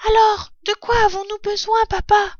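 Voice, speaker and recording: A woman voicing an eager young fox cub, a small boy who gets excited. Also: extremely high pitch, moderate pace, no room sound, voice pushed up. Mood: curious. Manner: excited, wide-eyed. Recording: dull, dry recording.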